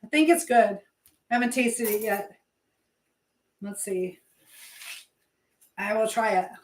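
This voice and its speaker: This slow, darkish, mid-range female voice belongs to a livestream host and language teacher cooking at home. She chats casually in a rambling, think-aloud way during her kitchen stream. Background noise comes through clearly, and the room echoes.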